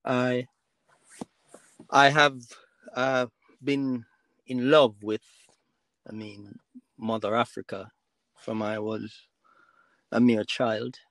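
A man from Jamaica, a podcast guest on a call line, talking about himself in a halting way with many fillers and restarts. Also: mid-range voice, flat delivery, fairly bright tone, no echo. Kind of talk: casual interview talk.

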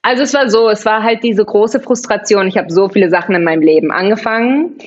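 This thirties-aged podcast guest from Barcelona, Spain, talks fast in a mid-range voice, laughing frequently and restarting sentences during a casual interview. The audio is lo-fi with slight background noise.

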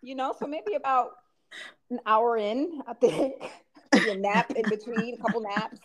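A woman co-hosting a podcast, telling stories in a lively, animated way and laughing between phrases. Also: fairly high pitch, a little slow. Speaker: podcast co-host. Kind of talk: casual chat.

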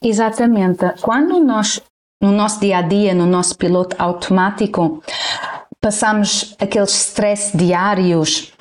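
A woman psychologist with a European Portuguese accent, calmly explaining and reassuring as a guest on a radio show. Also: medium pitch, unhurried.

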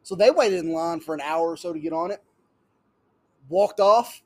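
A man's voice: a little high, moderate pace. A married man chatting casually with friends, telling a story with enthusiasm. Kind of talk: casual chat.

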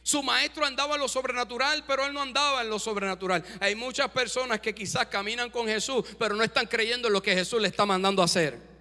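High bright-voiced pastor preaching hard, echoey hall. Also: male voice, steady tone, quick pace. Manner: emphatic, calls out to the congregation. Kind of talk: sermon. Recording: reverberant hall.

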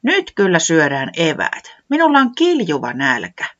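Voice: medium pitch, huge pitch swings, fairly bright tone. A reader voicing a small furry storybook creature with paws and floppy ears, who exclaims eagerly and is easily dismayed. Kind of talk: storybook reading. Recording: dull lo-fi sound.

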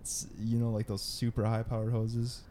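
A man's voice: on the low side, monotone, normal speed, dark tone, a little hiss or hum. A young man co-hosting a podcast in casual, crude, argumentative chat. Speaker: podcast co-host.

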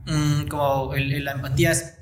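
A man's voice: on the high side, little pitch movement, moderate pace, reverberant. A young man, co-hosting a casual debate, thinking aloud and often restarting his sentences. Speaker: podcast co-host.

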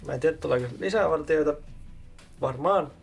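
A man's voice: medium pitch, soft background music. A man playing a tabletop role-playing game, describing his character's moves casually with lots of hesitant fillers. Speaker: player.

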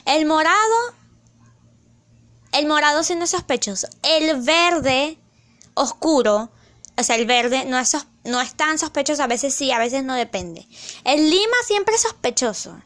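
A young woman chatting in a casual vlog, excitable and rambling, loud at times and slipping into English phrases. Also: high-pitched, unhurried. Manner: loud, near shouting at times. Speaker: vlogger.

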